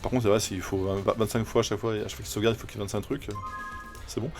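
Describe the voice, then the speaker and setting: A man's voice: fairly low pitch, fairly even intonation, very fast, darkish tone, soft background music. A man streaming a video game, chatting casually and rambling with many fillers and restarts. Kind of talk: casual live gameplay commentary.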